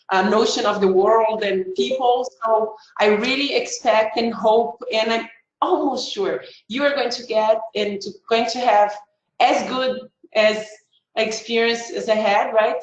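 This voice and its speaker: A middle-aged woman with a Brazilian Portuguese accent talks to students in a friendly, rambling way, full of fillers and restarts. Her voice sits a little high. It comes through a video call from an echoey room. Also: lo-fi sound. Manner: chatty, many fillers and restarts. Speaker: education advisor. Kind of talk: online webinar talk.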